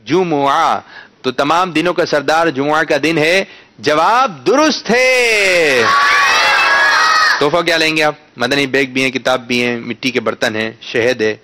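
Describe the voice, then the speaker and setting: A man hosting a quiz for children, coaxing them patiently to pronounce words correctly and breaking into loud announcements when they get it right. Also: mid-range voice, fairly even intonation, hardly any pauses, a faint crowd.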